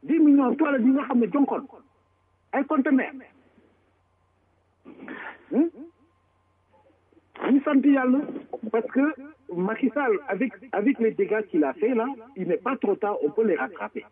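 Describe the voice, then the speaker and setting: A man with a Senegalese French accent talks politics in a forceful, emphatic way, swinging between Wolof and French mid-sentence. His voice sits fairly high for a man. The sound is thin and tinny, like a phone line. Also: lively intonation, measured pace, pauses often. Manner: forceful and emphatic, repeating words. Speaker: commentator. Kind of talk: political commentary.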